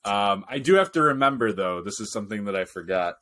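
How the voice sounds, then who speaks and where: A man's voice: fairly low pitch, lively intonation, fast talker, bright, forceful tone. A man co-hosting a sports podcast in casual chat, joking and laughing often as he tells stories. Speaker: podcast co-host.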